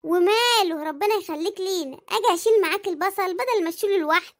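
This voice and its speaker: A woman's voice: very high-pitched, fast. A woman voicing a chatty, fretful middle-aged housewife with an Egyptian accent in a comic cartoon, nagging and dramatic. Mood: wary. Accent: Egyptian Arabic.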